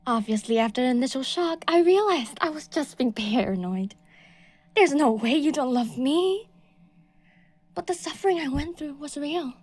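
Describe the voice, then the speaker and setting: In an audio roleplay, a woman plays a delusional, possessive young stalker, swinging from soft, breathy whispers to shrill outbursts. The recording is dry.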